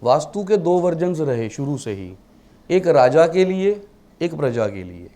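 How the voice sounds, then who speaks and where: A man teaching vastu delivers a classroom lecture a little slowly, his high, dark-toned voice swinging widely in pitch. He mixes English terms into Hindi and asks rhetorical questions of the class.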